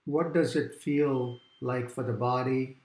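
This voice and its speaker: A man guiding a calm grounding meditation exercise, giving gentle, unhurried instructions with long pauses between phrases. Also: medium pitch, reverberant. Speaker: meditation guide. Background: quiet background music.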